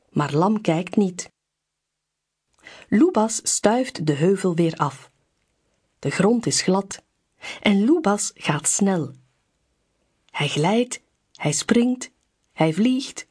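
A woman reading a children's picture book aloud in a slow, clear storybook delivery. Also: mid-range voice, animated, a little mellow.

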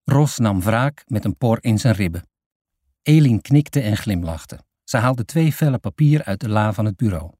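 Mellow-voiced male audiobook narrator. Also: lowish voice, normal speed, no echo, studio quality. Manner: steady storytelling reading.

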